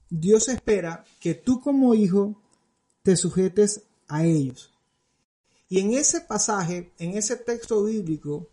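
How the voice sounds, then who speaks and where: A man's voice: high voice, dark tone. A man preaching a sermon, repeating his points emphatically and speaking straight to parents and teens. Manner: repetitive, emphatic, addresses listeners directly.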